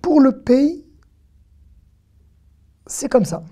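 A woman giving an online lesson, chatty and lively, talking straight to her viewers with frequent "hop" and "hein" asides. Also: high voice, drawn-out words. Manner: addresses the viewer directly. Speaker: Hebrew teacher.

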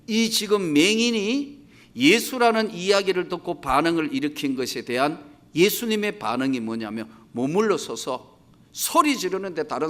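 A man preaching a sermon as pastor, swinging between loud acted-out cries and quiet low asides. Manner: dramatic, shifting between shouted quotes and low asides.

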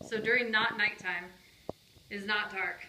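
A woman in her thirties films a casual tour of her large, empty new house on a phone camera held at arm's length, sounding chatty and playful. Her medium-pitched voice is pushed and bright, unhurried, with fairly even intonation, amid room echo and a little hiss or hum.

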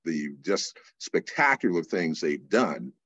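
Deep-voiced older man explaining history. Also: sing-song, fairly bright tone, dull audio. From California. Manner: measured, explanatory, many fillers. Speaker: guest teacher. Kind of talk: interview answers.

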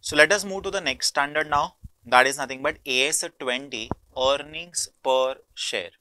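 A young Indian man lectures as a teacher in a bright, forceful voice of medium pitch. He switches between Hindi and English mid-sentence with an Indian accent. He works through problems step by step and repeats key phrases. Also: moderate pace, a little hiss or hum. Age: young adult. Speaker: accounting teacher.

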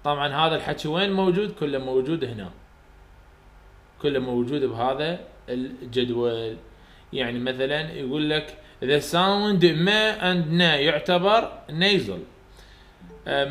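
Iraqi male lecturer, patient step-by-step explainer, fairly high voice, echoey classroom sound. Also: moderate pace, a bit bright. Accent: Iraqi Arabic. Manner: explains step by step, repeats sounds aloud for students to copy. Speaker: university English phonetics teacher. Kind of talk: recorded lecture for students.

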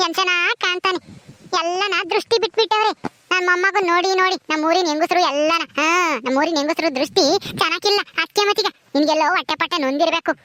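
A woman's voice: very high-pitched, quick pace, bright, forceful tone. A woman playing a bossy, superstitious old village grandmother in a comedy skit, with a lecturing, scolding manner. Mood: boastful.

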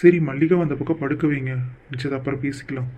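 A man voicing a calm younger brother in a cartoon who brushes off worries. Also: medium pitch, quick pace, lo-fi sound, lightly acted. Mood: reassuring. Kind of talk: cartoon voice acting.

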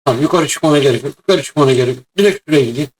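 A man hosting a gaming video, chatting excitedly and shouting at times as he plays a mobile battle game. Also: mid-range voice, rapid-fire. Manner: loud, excitable, shouts during play.

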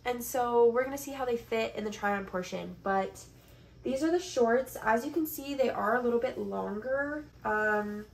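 A creaky, somewhat high voice at a moderate pace belongs to a woman in her twenties chatting casually about a haul, her nose congested from allergies. She films on her phone in her bedroom from arm's length or farther, with noticeable background noise in the recording.

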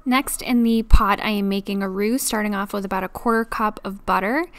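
A young woman talks through a home cooking video in an easy, chatty voice-over. Her delivery is relaxed and a little self-deprecating, with plenty of small fillers. The sound is close and dry, with no room around it. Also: mid-range voice, a little fast, no echo. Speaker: cooking vlogger. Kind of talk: casual cook-along voice-over.

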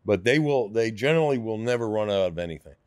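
Smooth low-voiced man in his sixties. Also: animated, fast talker, a little mellow, dry recording, clean studio sound. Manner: rambling, hesitant with many fillers. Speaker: restaurant owner. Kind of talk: casual interview. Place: podcast studio. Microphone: studio mic on boom arm.

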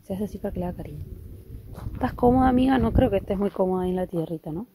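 A young woman vlogs casually from her rural house, her voice low and weak from illness, often half-whispering and cooing at dogs. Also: rapid-fire, noisy background. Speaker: vlogger. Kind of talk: casual vlog narration. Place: rural house, partly outdoors.

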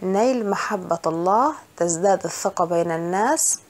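A woman's voice: fairly low pitch, normal speed. A woman teacher reading a school religion lesson aloud, steadily explaining definitions and going through exercise answers.

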